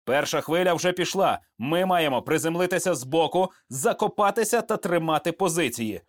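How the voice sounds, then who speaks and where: A man's voice: on the high side, animated, moderate pace, voice pushed up, close to an everyday voice. Man doing joking veteran sergeant, raised voice, blunt and bantering. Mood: encouraging. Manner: bantering, coarse humor, giving orders. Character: joking, seasoned male sergeant, fatherly and blunt.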